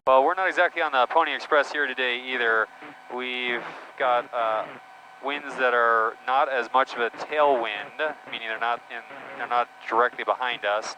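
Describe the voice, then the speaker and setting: A man talking as a pilot, casually narrating a flight in a halting, matter-of-fact way. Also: medium pitch. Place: small airplane cockpit in flight. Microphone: aviation headset. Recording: dull, noisy aircraft cockpit intercom. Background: engine noise, radio.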